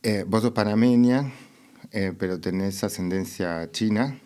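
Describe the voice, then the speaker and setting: A man's voice: on the low side, measured pace, warm tone. A man, a podcast host asking long, rambling questions full of fillers. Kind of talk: interview.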